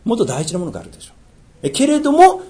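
A man preaching a sermon, reading scripture aloud and dropping into low, quiet asides between passages. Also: huge pitch swings, very fast. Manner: swings between raised reading and low asides, jokes lightly. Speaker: pastor.

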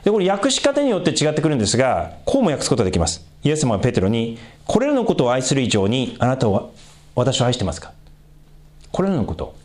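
A man giving a conversational sermon as a pastor, asking the congregation questions and swinging his pitch for emphasis. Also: huge pitch swings, fast talker, darkish tone.

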